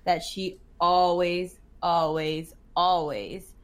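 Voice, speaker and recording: A woman's voice: lowish voice, steady tone, very slow. A woman co-hosting a live-streamed chat podcast. She teases her co-host, laughs often and reads viewer comments aloud.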